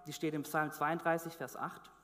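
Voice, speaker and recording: A man's voice: on the high side, level tone, normal speed, a bit bright. Man preaching in a reverberant hall. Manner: conversational, with restarts and fillers. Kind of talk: sermon.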